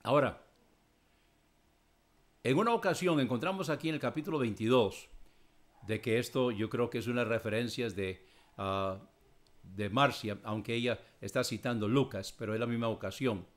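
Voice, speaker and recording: A man answering listeners' Bible questions, reading scripture verses aloud and explaining them in a measured way. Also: mid-range voice.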